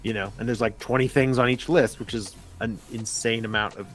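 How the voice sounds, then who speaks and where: A man's voice: mid-range voice, steady tone, a little fast, fairly bright tone, soft background music. Easygoing man joking on a livestream. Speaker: podcast co-host. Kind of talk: casual chat about tabletop games.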